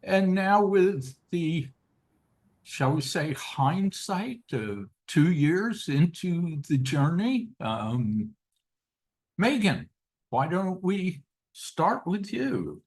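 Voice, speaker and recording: Guy moderating a panel, slow and relaxed, voice jumps around a lot. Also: on the high side.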